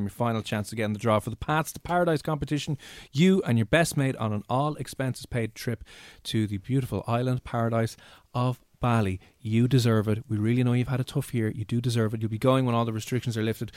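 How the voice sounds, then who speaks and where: An Irish man with a Dublin accent hosting casual radio chat in an animated, jokey, conversational way. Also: medium pitch, a little fast, dry recording. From Ireland. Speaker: radio host.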